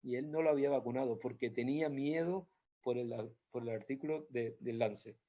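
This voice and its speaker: A man's voice: mid-range voice, brisk, warm tone. A man, a doctor, giving an informal health talk with slides, explaining patiently and repeating points with many hesitations. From Spain. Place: Canary Islands. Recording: dull lo-fi sound.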